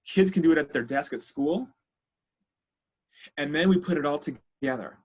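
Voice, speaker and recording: Man, husky voice, child therapist, counting breaths for a webinar audience, video call. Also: on the high side, moderate pace. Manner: coaching, counting the audience through exercises. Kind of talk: guided breathing instruction and lecture.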